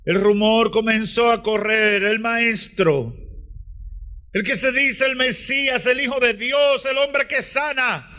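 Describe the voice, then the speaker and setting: A man preaching a passionate sermon at a church service, rising dramatically into shouts. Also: very high voice, slow pace. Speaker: pastor.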